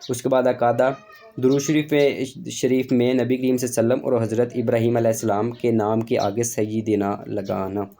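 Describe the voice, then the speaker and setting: A man's voice: medium pitch, flat delivery, a little fast, mellow. A man teaching a religious lesson in an informal, repetitive way, full of fillers. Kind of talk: explanatory lesson.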